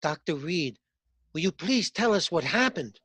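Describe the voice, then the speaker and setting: A woman's voice: lowish voice, sing-song, a little slow, a bit bright, husky, no echo, exaggerated voice. An actress in a radio play, playing a shaken, grave woman, earnest and dramatic in her questioning. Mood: grave, pressing.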